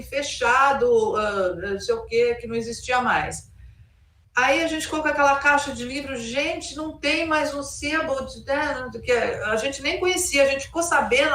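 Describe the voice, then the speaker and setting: A woman's voice: high-pitched, fairly bright tone. A middle-aged woman, telling stories informally as an interview guest in a rambling way, often quoting casual remarks. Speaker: interview guest, cultural producer. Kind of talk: informal spoken recollection. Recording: roomy echo, distant microphone.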